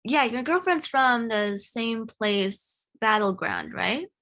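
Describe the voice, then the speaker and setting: A woman's voice: on the high side, expressive, takes it slowly, fairly bright tone. A nineteen-year-old woman hosting a casual interview, eager and chatty with gushing reactions. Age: teens.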